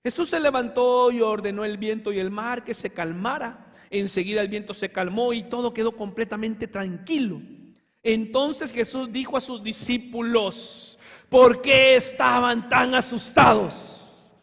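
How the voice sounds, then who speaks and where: A man preaching a sermon as pastor, fervent, with sudden shouts and slow emphatic lines. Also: high voice. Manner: addresses congregation as hermano, asks for amen. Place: church sanctuary. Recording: hall reverb in a church.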